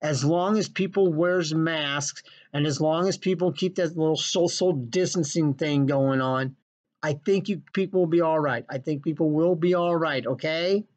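A man's voice: a little high, normal speed, a little mellow. A man ranting in a sarcastic, scolding, profane vlog monologue from his basement. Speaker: vlogger. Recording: dull lo-fi recording.

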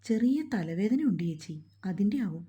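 A woman voicing a quiet, troubled young woman who gives short, evasive answers. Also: lowish voice, expressive, normal speed, natural voice. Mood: subdued.

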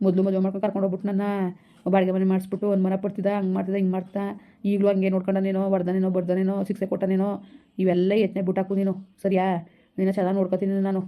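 A woman playing a gentle young village husband who keeps coaxing his pregnant wife. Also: mid-range voice, completely flat delivery, rapid-fire, narrow, tinny audio, natural voice. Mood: soothing. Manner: soothing, repetitive coaxing. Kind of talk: village skit acting.

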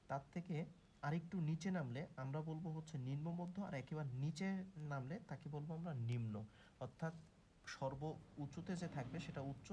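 A man's voice: on the high side, mellow, a little hiss or hum. A man teaching grammar in a patient way, asking questions and answering them himself while sounding out vowels. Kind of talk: explanatory video lesson.

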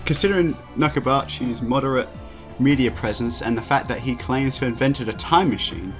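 Speaking fairly quickly in a medium-pitched, fairly bright voice, a young man reads a visual novel aloud as he plays it for a let's play. Game music runs underneath as he trips over words, jokes around, and keeps bursting into laughter.

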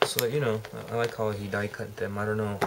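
A man's voice: fairly low pitch, level tone, fast talker. Man, casual how-to vlogger, laid-back, swears casually, thinks aloud, noisy recording.

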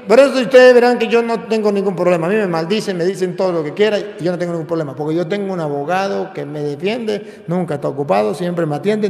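Priest guy preaching hard, repeats himself for punch, pretty high voice. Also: gravelly. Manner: emphatic preaching with repeated phrases. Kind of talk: fiery sermon. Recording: echoey hall with long reverb.

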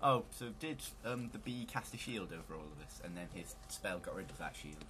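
A man's voice: low-pitched, animated, a little fast, noisy background. A man hosting a let's play, giving casual, joking commentary on a video game.

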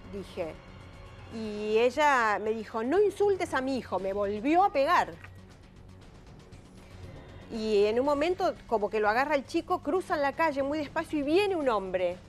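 Shaken woman recounting an assault. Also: on the high side. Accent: Rioplatense Spanish. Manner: emotional, vivid storytelling. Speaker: TV panelist telling of a robbery. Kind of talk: personal account on a talk show.

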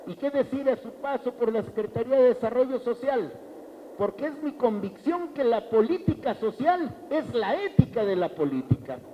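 A man's voice: very high-pitched, highs cut off, slight background noise. A middle-aged Mexican man giving an emphatic political speech with a handheld mic in a large banquet hall, repeating phrases for effect. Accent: Mexican Spanish.

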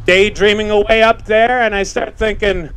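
A man's voice: high-pitched, steady tone, moderate pace, fairly bright tone, slight background noise. A man acting in a stage play as a talkative, ironic suitor who rambles and interrupts himself. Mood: wry. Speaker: stage actor.

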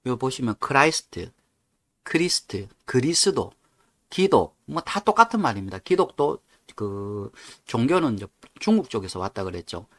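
A man teaching English word origins, explaining them in a plain, unhurried way with frequent fillers. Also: fairly low pitch, a bit bright. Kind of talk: explaining vocabulary in Korean.

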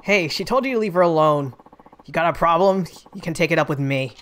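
A woman voicing a stern, calm brawler hero in a game, low and firm. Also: a little fast.

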